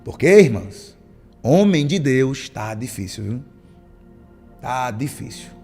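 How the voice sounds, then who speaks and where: A man's voice: medium pitch, sing-song, slow, darkish tone, soft background music. A man preaching a sermon as a pastor, telling stories and acting out the lines of church members. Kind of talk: sermon with storytelling.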